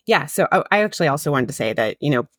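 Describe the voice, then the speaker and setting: A woman's voice: low-pitched, sing-song, no echo, clean studio sound. A woman who is a librarian co-hosting a book podcast, chatting in a casual, enthusiastic way. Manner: chatty, enthusiastic, quick with restarts. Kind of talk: casual chat.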